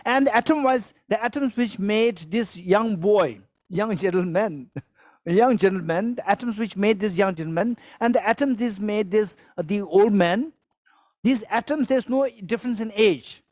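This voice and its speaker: This high-pitched, slightly mellow male voice belongs to a native Tibetan speaker giving a Buddhist teaching to a live audience at a moderate pace. He repeats phrases, asks for shows of hands, and chuckles as he explains, with no room sound.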